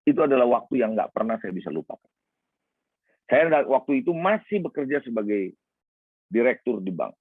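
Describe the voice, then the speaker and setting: A middle-aged male pastor from Indonesia preaches with lively, swooping pitch and a gravelly, husky voice. He tells stories in an animated way and acts out the voices of the people he quotes. The sound is dry and tinny, like a phone line. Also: moderate pace, pauses often, no echo. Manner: animated storytelling, acting out quoted voices, humorous asides to the congregation. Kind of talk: sermon.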